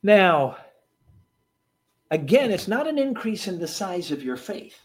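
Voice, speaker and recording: Animated high-voiced male preacher. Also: measured pace. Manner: animated, laughing, dramatic swings from quiet to shouting. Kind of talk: sermon. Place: church or meeting hall with seated audience.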